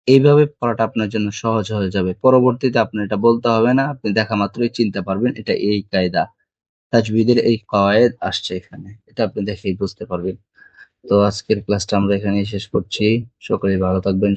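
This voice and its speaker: A man's voice: fairly low pitch, a little mellow, dry recording. A man teaching a beginners' Quran reading lesson, drilling the letters patiently one by one and asking the class questions. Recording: dull lo-fi dry recording.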